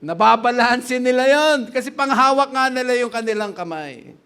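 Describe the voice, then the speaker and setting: A middle-aged pastor from the Philippines preaching a sermon in a chatty way, laughing often, quizzing the congregation and slipping into English. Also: male voice, very high-pitched, normal speed, bright, forceful tone, smooth.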